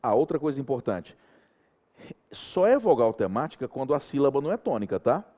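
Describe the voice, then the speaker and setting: A man's voice: mid-range voice, fairly quick. A middle-aged Brazilian man teaching a Portuguese grammar lesson, checking in with the students again and again. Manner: animated, checks in with students often.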